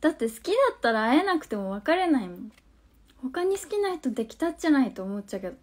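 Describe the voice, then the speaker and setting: A woman's voice: high-pitched, sing-song, quick pace. Chatty young woman with a Hakata accent. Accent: Hakata dialect of Fukuoka. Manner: chatty, reads viewer comments aloud and answers them, drops to soft near-whispered asides. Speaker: live-stream host. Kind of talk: casual live-stream chat. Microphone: phone.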